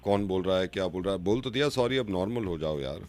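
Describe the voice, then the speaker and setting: A man hosting a radio prank call, switching between begging apologies and loud scolding. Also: low voice, lively intonation, quick pace. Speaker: radio host making prank calls.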